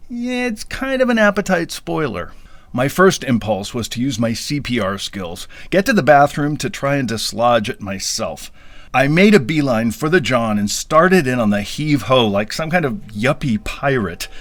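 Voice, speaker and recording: A man's voice: mid-range voice, very animated, normal speed, a bit bright, no echo. A man telling a funny personal story in a wry, self-deprecating, playfully dramatic way. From US Midwest. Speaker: podcast storyteller. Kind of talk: comic first-person storytelling.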